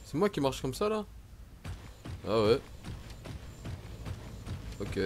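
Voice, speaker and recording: Excitable young Frenchman narrating gameplay. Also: medium pitch, slow pace, a little hiss or hum. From France. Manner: excitable, swears, shouts in panic. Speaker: gaming YouTuber. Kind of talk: let's play commentary.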